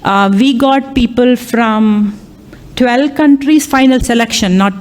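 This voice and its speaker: A woman whose first language is Tamil, an AI lecturer and workshop chair, speaks live in a conference hall. Her voice is fairly high, slow and smooth. She sounds hesitant, with many ums, uhs and restarts.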